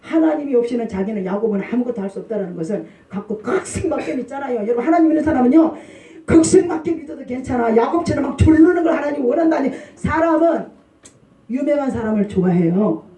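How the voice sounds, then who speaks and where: High-voiced woman pastor preaching. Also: fast talker. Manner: lively call-and-response preaching, asks congregation. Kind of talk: sermon. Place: church sanctuary. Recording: roomy church hall, distant mic.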